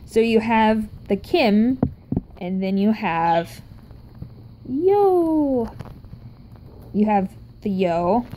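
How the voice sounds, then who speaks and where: A woman's voice: medium pitch, fairly even intonation, slow pace, background noise. A woman vlogging in a casual, rambling way, often breaking off mid-sentence as she explains Korean writing. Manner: rambling, self-interrupting, chatty.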